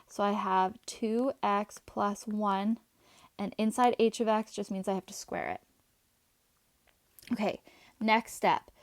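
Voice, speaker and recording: A woman teaching a math class, chatty and talking her students through each step as she writes, her voice a little hoarse. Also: medium pitch, fairly even intonation, slow pace, pauses often, no room sound. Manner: chatty, talks while writing, asides to students. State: voice going, slightly hoarse.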